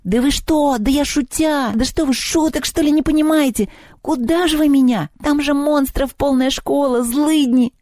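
A woman's voice: high-pitched, normal speed, darkish tone, no echo, studio quality, pitched above the performer's own voice, lightly acted. A woman voicing a whiny, mischievous little male house spirit in a storybook reading. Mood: panicked. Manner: wailing, whining, sulky.

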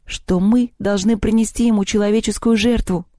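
A reader voicing a frightened, tearful teenage girl who speaks haltingly between sobs. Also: medium pitch, steady tone, warm tone, no room sound, studio quality, pitched above the performer's own voice, close to an everyday voice. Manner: sobbing, halting.

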